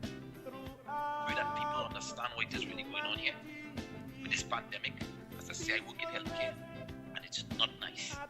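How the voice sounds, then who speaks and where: A man's voice: very high-pitched, huge pitch swings, normal speed, long pauses, low-quality recording. A Trinidadian man, a guest on an online chat, talks casually and earnestly about love and staying positive, repeating his phrases. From Trinidad and Tobago. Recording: loud music behind.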